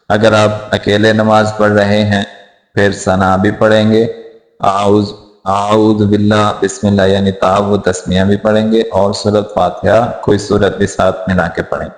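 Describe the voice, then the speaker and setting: A man with a low, flat voice teaches prayer recitation at an unhurried pace. He chants each verse long and drawn out, then breaks into plain speech to correct mistakes. The sound carries an echo from the room. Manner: alternates slow drawn-out chanted recitation with brisk spoken explanation. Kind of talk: slow recitation lesson with spoken corrections.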